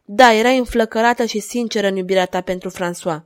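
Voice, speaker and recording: A woman reading aloud and voicing a cold, relentless duchess who speaks in an insistent, measured way. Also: medium pitch, natural voice.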